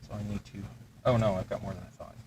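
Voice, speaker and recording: Talking fast in a fairly low, creaky voice with fairly even intonation, a man from Texas rambles through a casual chat as he builds miniatures for his terrain-crafting channel, muttering to himself along the way. Background noise is audible.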